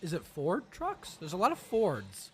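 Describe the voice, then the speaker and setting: A man's voice: high-pitched, unhurried, noisy background. A man co-hosting a casual movie podcast, joking and laughing often as he reacts. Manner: animated, jokey, laughs often. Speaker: podcast co-host. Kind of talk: casual movie-watching chat.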